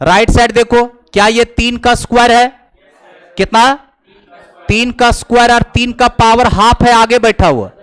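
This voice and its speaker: Slow, high-voiced math teacher. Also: male voice, fairly even intonation, fairly bright tone, clear, resonant tone. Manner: slow, teasing, mixing Hindi and English, chuckling asides. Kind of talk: classroom lecture. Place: coaching classroom.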